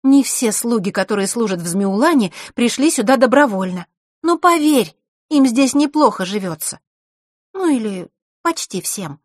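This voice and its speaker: A woman's voice: on the high side, expressive, normal speed, dry recording, clean studio sound, voice pushed up. A woman voicing a proud, hot-tempered girl from a family of timekeepers, talking sharply and bossily. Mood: haughty. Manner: sharp, bossy, snorting retorts.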